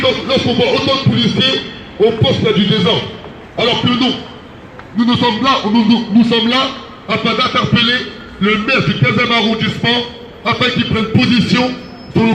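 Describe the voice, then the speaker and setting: A man from France, an activist giving an impassioned outdoor speech at a protest, insistently repeating each key phrase. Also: very high voice. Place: outdoors on a city street. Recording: echoey street with loud background noise.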